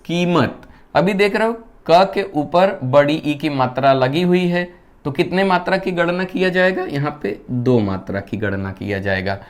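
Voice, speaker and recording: A male Hindi teacher gives a classroom-style lesson, asking the class questions and answering them himself in a lower voice. He keeps checking whether the students have understood.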